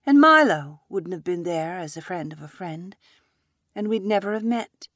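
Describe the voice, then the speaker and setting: A woman narrating a first-person story in a measured, reflective way. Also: fairly low pitch, animated, a bit bright, no room sound, studio quality.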